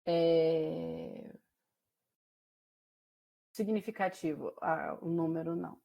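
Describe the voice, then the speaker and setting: This woman teacher from Mato Grosso do Sul speaks Brazilian Portuguese with a São Paulo caipira tinge, giving a chatty class lecture packed with fillers and questions for her students. Her voice is low, slow and creaky, and the recording sounds muffled.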